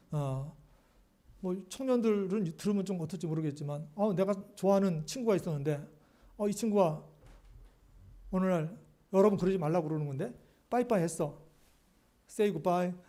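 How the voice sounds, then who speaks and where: A male pastor delivers a sermon in a quick, animated way, firing rhetorical questions at his congregation. His voice sits high and swings widely in pitch. The tone stays mellow rather than sharp.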